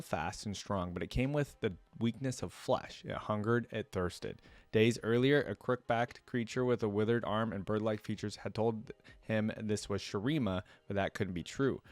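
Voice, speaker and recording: On a dry recording, a lowish-voiced man reacts to lore in a video, reading it out and thinking aloud in relaxed, musing commentary.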